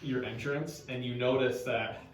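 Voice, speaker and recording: A man's voice: mid-range voice, steady tone, a little slow. A man narrating a tabletop game as game master, in loose, filler-heavy speech. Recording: echoey room, far from mic, music behind.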